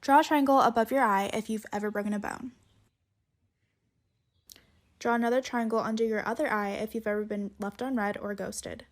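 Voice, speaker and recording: A woman reading out a list of challenge prompts in a steady, list-like way. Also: fairly high pitch, normal speed, long pauses.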